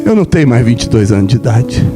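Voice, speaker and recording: A man's voice: big pitch swings, fast talker, over loud music. A Brazilian man in his forties preaching a passionate sermon, telling his own testimony and rising to emotional peaks. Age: 40s. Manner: impassioned, swells to high emotional peaks.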